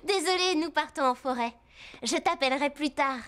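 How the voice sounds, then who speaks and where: A woman dubbing a cartoon teenage girl rider who is always on her phone, eager and talking quickly and reassuringly. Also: high voice, fairly bright tone. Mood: chatty. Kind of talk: French cartoon dub. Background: music.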